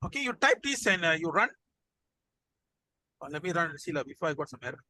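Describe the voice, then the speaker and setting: A man's voice: on the high side, big pitch swings, fast talker, pushed and bright, no echo. A man with a Malaysian accent teaching informally as an instructor, in colloquial Malaysian English peppered with 'lah'. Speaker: programming instructor. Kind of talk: informal lesson.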